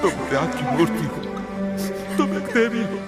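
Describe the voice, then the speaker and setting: A man's voice: sits high, sing-song, moderate pace, loud music behind the voice. A man playing a protective husband who urges and weeps in a film drama. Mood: tearful. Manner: urgent, tearful.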